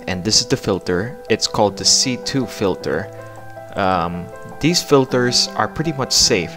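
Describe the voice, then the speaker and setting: Low-voiced man giving a hands-on review. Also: lively intonation, a little slow, over music. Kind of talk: hands-on product review narration.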